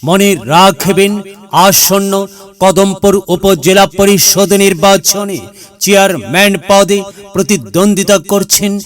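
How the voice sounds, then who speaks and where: Slow, formal male campaign announcer. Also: sits high. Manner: formal, declamatory slogan delivery. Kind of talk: election campaign promo, call and response. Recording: music bed behind the voice.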